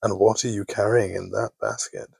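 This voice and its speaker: A sly, hungry storybook wolf, as a male narrator puts him on, coaxing his prey with a gravelly, husky voice that drops low and menacing. The sound is close and dry. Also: fairly even intonation, moderate pace, darkish tone, no echo, exaggerated voice.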